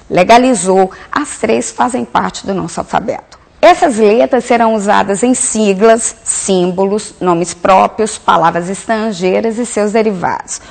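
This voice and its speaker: A woman's voice: medium pitch, vocal fry. A woman giving a grammar lesson as a teacher, explaining step by step and answering her own questions. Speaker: Portuguese teacher.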